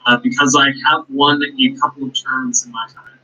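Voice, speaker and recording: Young guy chatting, bright lively voice, lots of ums, kinda muffled audio. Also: medium pitch, fairly quick. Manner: hesitant, lists his talents with fillers. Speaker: guest. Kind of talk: casual interview chat. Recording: dull lo-fi audio.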